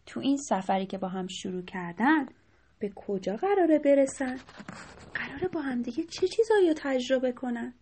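A woman telling a bedtime story to children, often dropping into soft whispers. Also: sits high, expressive, husky.

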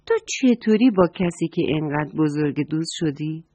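A woman's voice: low-pitched, animated, slightly rough, dry recording. A woman voicing a curious, eager little squirrel in a children's story, asking questions in a hurry. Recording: dull dry recording, soft music.

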